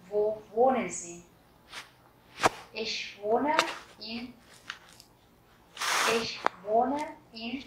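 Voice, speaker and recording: A woman in her thirties giving a language lesson, repeating each example phrase slowly and deliberately. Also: mid-range voice, recorded from a distance, slight background noise. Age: 30s. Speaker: German teacher. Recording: very echoey room.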